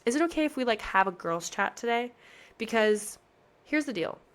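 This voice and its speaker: A woman in her thirties with a slightly high voice, lively intonation and moderate pace talks on her podcast. She's a pageant coach, and her casual chat is earnest and motivational, full of emphasis.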